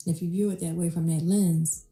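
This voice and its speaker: A woman who runs her own business, talking in a relaxed, reflective way as an interview guest. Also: lowish voice, brisk, soft background music. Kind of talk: casual interview chat. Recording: roomy echo.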